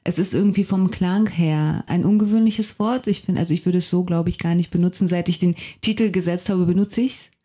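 A Russian-speaking novelist and translator, appearing as a guest in a radio studio interview, thinks aloud carefully and searches for the right words. Her voice is on the low side and mellow, and she talks briskly with few pauses.

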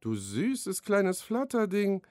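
A cheerful, clumsy beaver from a storybook poem, voiced by a man. He speaks in a coaxing, raised voice and reads with steady rhyme, close and dry. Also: sits high, slow, dry recording, pitched above the performer's own voice, heavily acted.

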